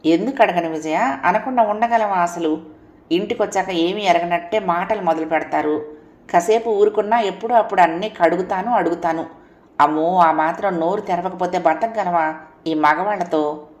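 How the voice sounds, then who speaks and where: A woman's voice: lowish voice, normal speed, a little mellow, echoey room, muffled recording, lightly acted. A woman voicing an outspoken housewife in an audio story, speaking firmly and frankly. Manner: firm, lecturing.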